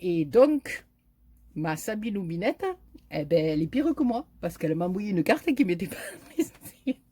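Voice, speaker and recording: A woman's voice: lowish voice, sing-song, moderate pace, warm tone, slightly rough. A middle-aged woman with a southern French accent chatting casually and rambling to her viewers. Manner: chatty, rambling, frequent fillers and laughs. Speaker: YouTube crafter. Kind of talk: casual chat to camera.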